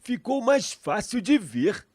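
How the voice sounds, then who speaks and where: A man's voice: extremely high pitch, sing-song, takes it slowly, darkish tone, faint music behind, pitched above the performer's own voice, full character voice. A man voicing Alfa, a small childlike helper who answers the teacher eagerly on a children's educational TV show. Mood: curious.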